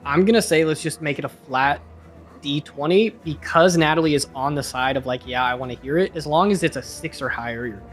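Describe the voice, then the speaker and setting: A man running a tabletop game as game master, explaining rules in a relaxed way with many fillers. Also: fairly high pitch, brisk, soft background music. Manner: relaxed, filler-heavy rulings.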